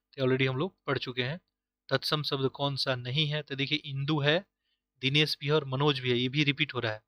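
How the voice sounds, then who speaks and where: Bright, dry-voiced male Hindi tutor. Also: medium pitch, no echo. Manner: explains each answer, then repeats it to drill it in; questions the class and answers himself. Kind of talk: online exam-prep lesson.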